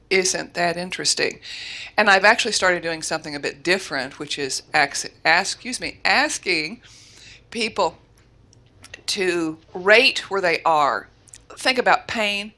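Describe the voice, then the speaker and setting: A woman from Florida, a guest mindset coach, telling a lively story in an interview and correcting herself as she goes. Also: lowish voice. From Florida, USA. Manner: lively storyteller, self-correcting, laughs often.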